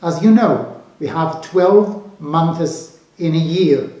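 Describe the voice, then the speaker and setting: A man teaching English pronunciation to beginners, speaking slowly and repeating each word carefully. His native language is Arabic. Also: a little high, warm tone, lo-fi sound. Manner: drills words slowly and repeats them. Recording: very echoey room.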